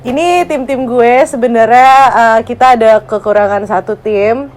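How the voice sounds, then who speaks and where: A woman's voice: a little high, fairly even intonation, normal speed, darkish tone, slight background noise. Playful woman hosting a vlog. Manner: playful, teasing, laughs often. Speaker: vlog host. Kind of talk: casual group chat.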